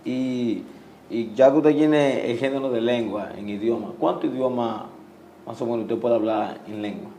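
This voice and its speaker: A man's voice: medium pitch, normal speed, warm tone. Amazed male host in an echoey room. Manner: interjects amazed exclamations often. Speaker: interview host. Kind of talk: religious interview.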